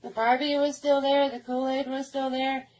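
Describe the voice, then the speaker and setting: Brief: woman, mellow and warm, chatty storyteller who loops back on herself. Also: sits high, flat delivery, normal speed, low-quality recording. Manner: rambling, repetitive, with many restarts. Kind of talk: casual storytelling.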